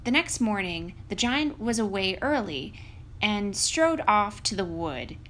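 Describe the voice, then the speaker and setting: A woman storyteller giving an expressive narration of a fairy tale. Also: mid-range voice, measured pace, slight background noise.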